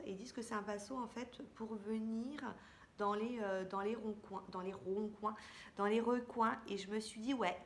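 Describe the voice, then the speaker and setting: A woman chatting casually to her viewers in a friendly beauty vlog about a makeup haul. Her voice sits at a mid pitch and rings around an echoey room at home. A faint hiss runs underneath.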